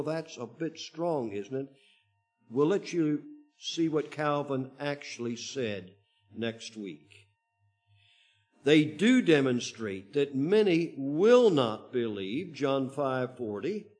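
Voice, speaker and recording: A man preaching a Bible teaching to his congregation, speaking in halting phrases with frequent restarts and pauses. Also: a little high, darkish tone. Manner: slow, halting delivery with many restarts. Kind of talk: sermon-style Bible teaching.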